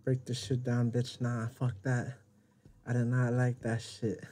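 A young man commentating on a horror game with jumpy, profane reactions and loud outbursts. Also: mid-range voice, completely flat delivery, measured pace, slight background noise. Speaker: gaming YouTuber.

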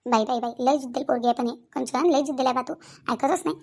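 A woman's voice: high-pitched, steady tone, fast, creaky, voice pushed down. A woman doing a coaxing cartoon mother. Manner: coaxing, gently lecturing. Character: soothing middle-aged mother giving advice. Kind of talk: cartoon voice acting.

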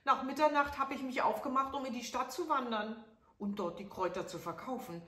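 A woman voicing a poor old woman who is secretly a fairy, high-pitched and pleading, in a roomy recording. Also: brisk, pushed and bright. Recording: echoey room.

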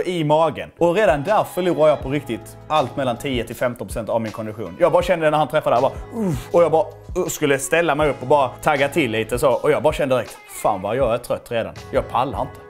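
A young man casually commenting on his own fight footage, animated and self-mocking, swearing freely. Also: medium pitch. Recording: faint music underneath.

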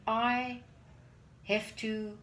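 Her voice sits on the high side, a bit bright and level in tone, and she speaks very slowly. The forties-aged Afrikaans-speaking mother vlogs earnestly into a phone camera propped on the counter as she does kitchen chores, often repeating words as she looks for them. A little hiss or hum runs under the recording.

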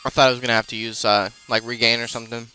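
A man's voice: mid-range voice, flat delivery, very fast, sharp tone, clear, resonant tone, faint music behind. A man casually commenting while he plays a video game, rambling with many fillers and self-corrections as he explains what he is doing. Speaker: let's play host.

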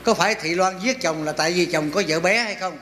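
A man's voice: high-pitched, fairly quick, sharp tone, roomy sound, a little hiss or hum. A man playing a judge who questions a witness in a formal, commanding way. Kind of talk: stage comedy skit.

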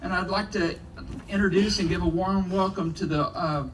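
A man with a Texas accent, a city mayor giving a folksy, halting ceremony speech. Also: high voice, steady tone, fairly bright tone. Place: event at a corporate headquarters. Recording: distant mic with clear background noise.

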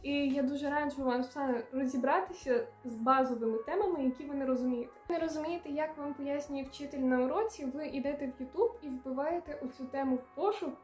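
High-voiced young woman vlogger. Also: fast talker, hardly any pauses, a little mellow, reverberant. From Ukraine. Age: young adult. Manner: earnest, direct, encouraging. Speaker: student vlogger. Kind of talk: advice vlog.

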